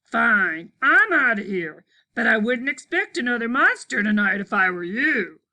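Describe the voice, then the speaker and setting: A woman's voice: fairly high pitch, big pitch swings, a little slow, heavily acted. A woman voicing a big, scruffy, slobbery boy monster in a storybook, boastful and whiny. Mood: whiny, indignant. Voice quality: slurping. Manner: forceful, whiny. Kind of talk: picture-book read-aloud.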